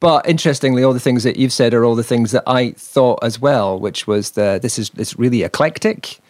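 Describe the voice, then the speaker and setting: A man's voice: medium pitch, fairly quick, a little mellow, no room sound, clean studio sound. A man co-hosting a podcast, reviewing an album in rambling, chuckling casual chat. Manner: rambling, repeats words, chuckles often. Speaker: podcast co-host.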